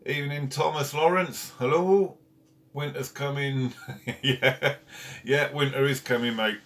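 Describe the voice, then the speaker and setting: A man's voice: mid-range voice, steady tone, a little slow, fairly bright tone. A man hosting a casual live stream from home, chatting and greeting viewers one by one by name. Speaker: carp fishing channel host. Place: at home, indoors.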